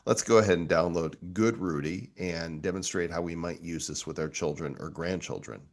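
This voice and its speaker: A middle-aged man with a very low voice hosts a tech show. He talks in a relaxed, conversational way, easily amused as he walks through a demo. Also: normal speed, creaky. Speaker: show host. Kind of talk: casual tech walkthrough.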